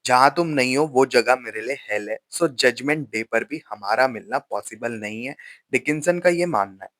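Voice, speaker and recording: A man teaching a lesson, explaining a poem line by line and reading the quoted verse slowly and deliberately. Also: mid-range voice, a bit bright, no room sound. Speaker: literature teacher.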